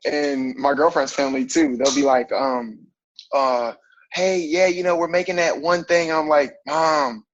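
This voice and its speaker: A man's voice: a little high, a little slow, no room sound, highs cut off. A man in his thirties, a fitness coach, talking casually in an interview with lots of fillers and easy laughs. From grew up on military bases overseas. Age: 30s. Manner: relaxed, rambling, frequent fillers and laughs.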